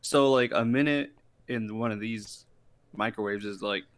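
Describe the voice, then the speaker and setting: A young man co-hosting a podcast, talking in a relaxed, rambling way with plenty of fillers. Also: on the low side, unhurried. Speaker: podcast co-host. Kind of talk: casual chat.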